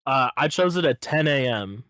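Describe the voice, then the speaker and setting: A man co-hosting a podcast in casual chat, telling stories in an easygoing, teasing way with halting restarts. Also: mid-range voice, animated, fairly bright tone, dry recording, studio quality. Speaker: podcast co-host.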